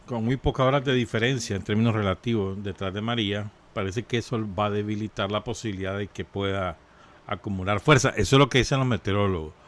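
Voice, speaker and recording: A man's voice: on the low side, fast talker, slight background noise. A man with a Nicaraguan Spanish accent, co-hosting a radio show in unscripted current-affairs chat.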